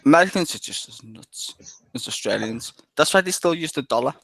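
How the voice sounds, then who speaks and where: A man's voice: a little high, expressive, brisk, vocal fry, fairly bright tone. A man chatting casually on an online video hangout, rambling, swearing freely and laughing often.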